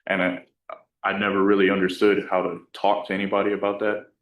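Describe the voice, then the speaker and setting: A man answering as a defendant in court, hesitant and soft-spoken, with many restarts. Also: deep voice, completely flat delivery, a little fast, dull audio, slight background noise. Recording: echoey courtroom, voice far from the mic.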